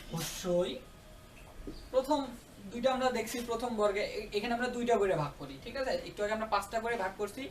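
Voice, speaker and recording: A man's voice: high-pitched, distant mic, slight background noise. A male tutor explaining a grammar lesson, often stopping to ask if students follow. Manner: checks understanding with repeated questions. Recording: roomy echo, away from the mic.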